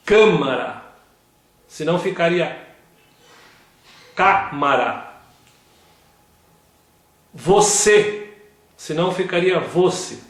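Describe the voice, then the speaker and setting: A man giving a slow scripted grammar lesson, reading word examples one at a time. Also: fairly high pitch, fairly bright tone. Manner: reads word lists one by one. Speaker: grammar teacher. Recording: very echoey room.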